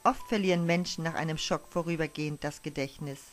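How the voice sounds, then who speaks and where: A woman's voice: low-pitched, steady tone, fast talker, close to an everyday voice. A woman reading the part of a kind young night nurse who offers friendly, chatty comfort, over faint music. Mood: kindly.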